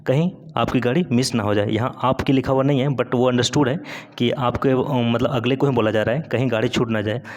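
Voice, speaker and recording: A man from India teaching English grammar in Hindi. He keeps asking "है ना?" and reads the example sentences out slowly. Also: mid-range voice, steady tone.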